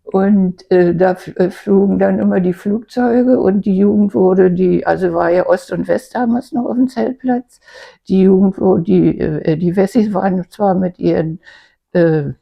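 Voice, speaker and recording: Gravelly elderly woman, halting storyteller. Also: mid-range voice. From East Germany. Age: 80s. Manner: halting, searching for words. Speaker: grandmother recounting her life. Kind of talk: casual personal reminiscence. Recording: dull lo-fi home recording.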